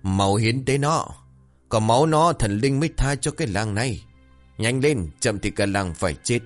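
A man's voice: medium pitch, expressive, normal speed, soft background music, close to an everyday voice. A man voicing a frenzied village mob, howling and frantic.

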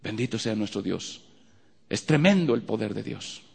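A man's voice: lowish voice, animated, normal speed, gravelly, slightly rough, long reverb tail. A man with a Mexican accent preaching a fervent sermon as a pastor in a church, repeating phrases of praise.

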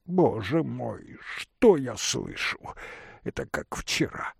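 A man reading an audiobook, voicing a flustered, frightened gentleman who pleads and talks in anxious, half-hushed bursts. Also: mid-range voice, big pitch swings, slow, vocal fry, husky, dry recording, clean studio sound, pitched above the performer's own voice, exaggerated voice. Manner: agitated, pleading, often hushed. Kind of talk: audiobook character voice.

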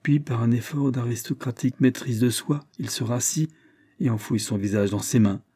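A man narrating a classic detective story in a measured, literary audiobook reading. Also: mid-range voice, warm tone, husky, no echo, clean studio sound. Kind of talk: scripted narration.

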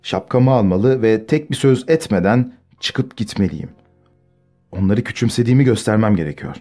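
A man's voice: lowish voice, animated, normal speed, dark tone. A man reading a novel aloud as an audiobook, acting out the dialogue with shifting tone. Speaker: audiobook narrator.

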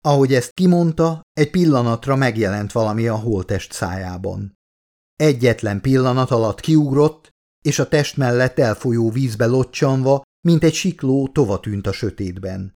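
A man narrating his own book as an audiobook, steady and measured. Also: mid-range voice.

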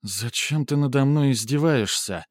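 A man reading an audiobook, voicing a wary, prickly young woman raider in a raised pitch. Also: normal speed, no room sound, studio quality, natural voice. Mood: uneasy.

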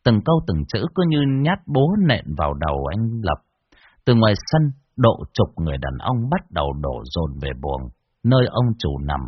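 A man narrating a scripted horror story with an expressive, varied delivery. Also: fairly low pitch, normal speed, no echo, dull audio.

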